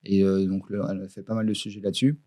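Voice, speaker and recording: A man's voice: low-pitched, flat delivery, fast talker, warm tone, no room sound. A man co-hosting a podcast in casual chat, talking hesitantly with many fillers and restarts. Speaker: podcast co-host. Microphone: studio podcast mic. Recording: dry close podcast studio sound.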